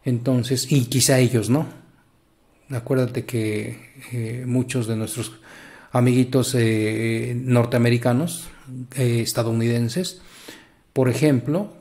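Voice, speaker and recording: A man's voice: mid-range voice, fairly even intonation, a little slow, warm tone. Mexican male teacher, casual video lesson, encouraging and talkative, filler-heavy. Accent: Mexican Spanish. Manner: chatty, encouraging, rambling with many fillers. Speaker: English teacher.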